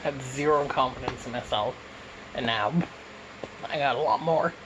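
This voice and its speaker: A man's voice: medium pitch, moderate pace, noisy background. A man from Canada answering questions in a casual mukbang Q and A, talking with his mouth full as he eats, recorded on a phone. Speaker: YouTuber answering viewer questions.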